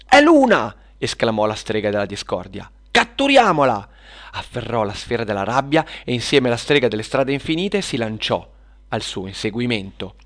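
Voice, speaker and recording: A man narrating a scripted children's story in a steady, lively way. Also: lowish voice, fairly quick, gravelly.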